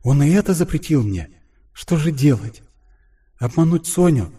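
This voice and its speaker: Guy doing a shy teary young seamstress girl, high breathy voice, kinda dark and soft. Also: animated, moderate pace. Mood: anxious. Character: timid tearful young woman seamstress.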